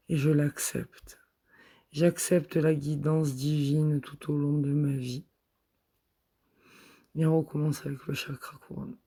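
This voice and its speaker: A man guiding a chakra meditation, speaking soft, repetitive affirmations in the first person. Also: fairly high pitch. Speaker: meditation guide.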